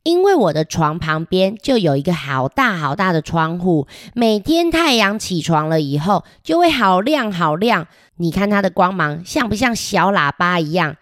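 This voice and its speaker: A woman's voice: fairly low pitch, no room sound, clean studio sound. A woman voicing a chatty little boy about to start kindergarten in a children's picture book read-aloud, playful and giggly as she talks straight to the children listening. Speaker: storybook reader.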